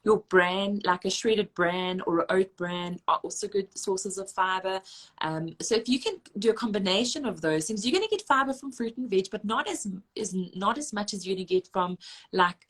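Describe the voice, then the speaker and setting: Fast-talking dietitian woman. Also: mid-range voice, a bit bright. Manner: fast, emphatic, with many restarts. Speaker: registered dietitian guest. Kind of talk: conversational expert explanation.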